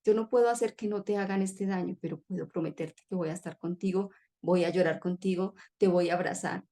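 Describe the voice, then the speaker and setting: A woman's voice: on the low side, steady tone, brisk, mellow. Woman sharing an earnest personal testimony. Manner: emotional, earnest storytelling.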